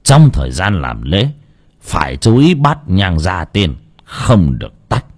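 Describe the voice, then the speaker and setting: A man voicing a calm, seventy-year-old male exorcist who speaks low and measured, with a husky voice. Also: exaggerated voice. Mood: instructing.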